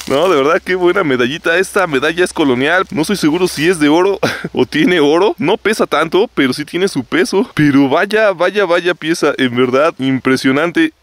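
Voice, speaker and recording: A man vlogging outdoors while metal detecting, talking excitedly to viewers and laughing often. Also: a little high. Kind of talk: outdoor treasure-hunting vlog. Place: outdoors on a hillside.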